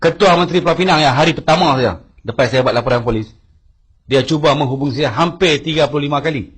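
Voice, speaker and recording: A man's voice: fairly high pitch, fast talker, husky. A man recounting events emphatically to an audience he addresses directly. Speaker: speaker giving testimony.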